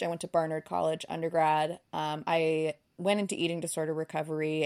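Chatty woman, slightly low voice. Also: darkish tone. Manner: candid and self-deprecating, many ums and likes. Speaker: podcast guest. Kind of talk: casual conversation.

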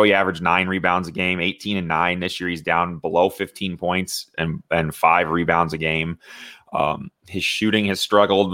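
Low-voiced man talking sports casually. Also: a bit bright, no echo. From Indiana. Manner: conversational, many fillers and restarts. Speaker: podcast co-host.

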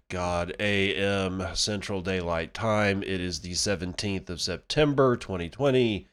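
Low-voiced, irreverent man hosting a podcast. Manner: irreverent, blunt, sweary. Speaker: podcast host. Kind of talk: casual solo podcast commentary.

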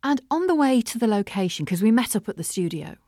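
A middle-aged woman with a Mancunian accent, hosting a casual solo podcast from her studio, chatty and animated. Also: fairly high pitch, fast talker, no echo. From Manchester, England. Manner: chatty and animated, laughs often. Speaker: podcast host and voiceover artist. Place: home studio.

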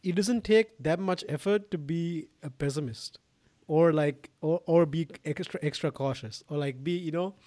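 Podcast host, man originally from Sri Lanka, slightly high pitch, loose rambling delivery, dry close recording. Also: normal speed, mellow, no echo. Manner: rambling, many restarts and filler words. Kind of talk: casual conversation.

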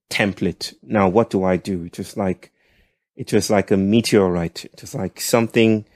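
A man from Nigeria with a nasal voice, speaking as a podcast guest in a thoughtful, halting way. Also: on the low side, no echo, studio quality. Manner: thoughtful, halting, with soft laughs. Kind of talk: reflective conversational storytelling.

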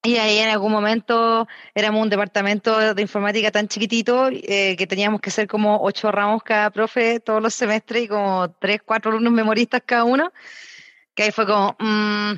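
A woman's voice: medium pitch, little pitch movement, a bit bright, no echo. Chatty Chilean woman, dull dry sound. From southern Chile. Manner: chatty, quick, frequent eh fillers. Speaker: engineering director guest. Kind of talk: casual interview chat.

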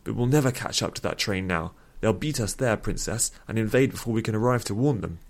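A man's voice: fairly low pitch, animated, brisk. A man voicing an exasperated, snappish hired guard who scolds a princess. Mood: worried.

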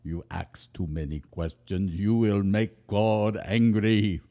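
A man putting on a stern woman Sunday school teacher with a light German accent, warning in a hushed voice. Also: on the low side, steady tone, slow pace. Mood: scolding. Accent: German, put on.

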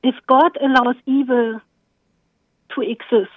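A woman's voice: high voice, steady tone, a little slow, no room sound. A woman calling in to a talk show over the phone, politely putting her question to the hosts. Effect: heard over the phone. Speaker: caller. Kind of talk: call-in question. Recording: tinny phone line.

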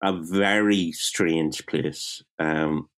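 In a very deep, fairly bright voice with fairly even intonation, a Northern Irish writer in his fifties speaks very slowly. With his Belfast accent, he shares self-mocking, wry childhood tales in a casual interview, often starting his sentences over.

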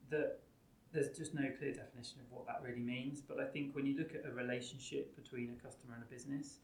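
A male podcast guest gives thoughtful, tentative answers in a conversational way, feeling for the right words. His voice is medium-pitched, recorded in a very echoey room with low rumbling noise. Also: fairly even intonation, fast talker. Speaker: podcast guest, company co-founder.

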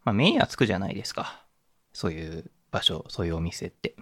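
Male podcast host, lowish voice, dry close mic, thoughtful and rambling. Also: sing-song, fast, fairly bright tone, no echo. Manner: reflective, musing, many fillers and restarts. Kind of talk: casual solo podcast talk.

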